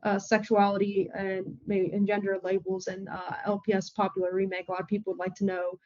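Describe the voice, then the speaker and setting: A woman's voice: mid-range voice, completely flat delivery, a little fast, a little mellow, no room sound, highs cut off. A woman interviewing a creator, asking questions in a friendly, agreeable way with many hesitant fillers.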